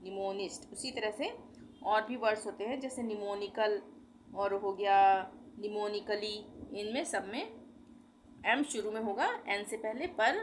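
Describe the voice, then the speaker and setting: A woman's voice: mid-range voice, fairly even intonation, a little slow. Woman teacher, patient, spells out each word letter by letter, faint noise in the background. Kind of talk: spoken language lesson.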